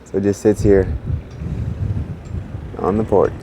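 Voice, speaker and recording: A man's voice: fairly low pitch, flat delivery, measured pace, dark tone. A man from the United States, a travel vlogger, chatting casually with lots of fillers while walking around a windy harbour. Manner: chatty, thinks aloud with fillers. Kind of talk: casual vlog narration. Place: outdoors on a windy harbour pier.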